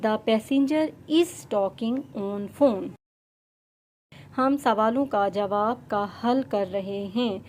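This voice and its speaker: A woman gives a grammar lesson. She reads each example sentence slowly and clearly, then gives its translation. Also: fairly high pitch, darkish tone. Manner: slow, carefully enunciated example sentences. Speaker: English teacher.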